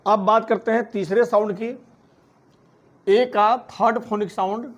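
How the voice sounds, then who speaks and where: A man teaching a phonics lesson, spelling words out letter by letter and then saying each one slowly. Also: high voice, level tone. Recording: dull lo-fi recording.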